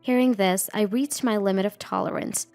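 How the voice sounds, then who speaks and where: Woman narrator for a first-person story; steady, measured read over soft music. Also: mid-range voice.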